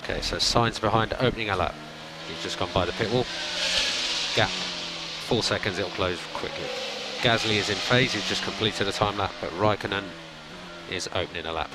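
A man working as a race engineer, speaking over race car team radio in calm, clipped instructions that he repeats twice. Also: deep voice, normal speed, very noisy.

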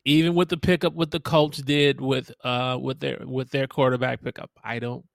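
A man's voice: medium pitch, level tone, moderate pace, creaky, no echo, clean studio sound. An older man co-hosting a sports podcast, stubborn and teasing in short replies. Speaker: podcast co-host. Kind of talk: casual sports debate.

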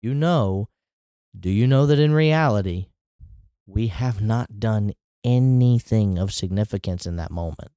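A man's voice: fairly low pitch, unhurried, warm tone, clean tone, no room sound, studio quality. A man preaching a sermon in a conversational way, with rising emphatic asides.

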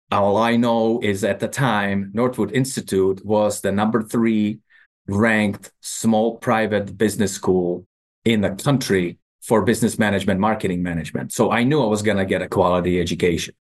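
A Czech-accented man around fifty, a guest in an interview, tells his story at an unhurried, matter-of-fact pace. His voice sits fairly low, and he drops in dry, wry asides. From Czech Republic. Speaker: guest, company CEO.

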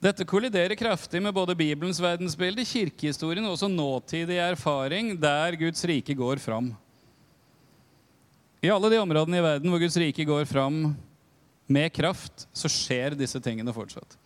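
Frank, high-voiced male preacher. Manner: conversational, frank, with asides. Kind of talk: sermon teaching.

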